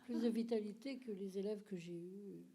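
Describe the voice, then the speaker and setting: Mellow woman asking a question. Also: medium pitch, moderate pace, husky. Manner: admiring, enthusiastic. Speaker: audience member asking a question. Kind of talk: question from the floor.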